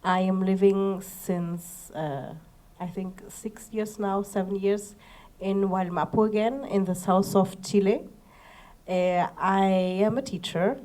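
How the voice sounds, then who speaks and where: Woman teacher, hesitant, hunting for words, mellow voice. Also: medium pitch, takes it slowly. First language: German. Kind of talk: panel self-introduction.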